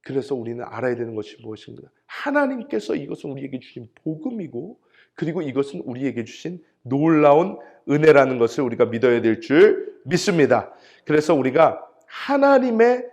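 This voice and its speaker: A middle-aged pastor delivers a sermon in a church, telling stories with energy. He acts out the voices of the people in his stories. His voice sits a little high, with a gravelly edge and wide swings in pitch. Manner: animated storytelling, acting out quoted voices. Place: church sanctuary.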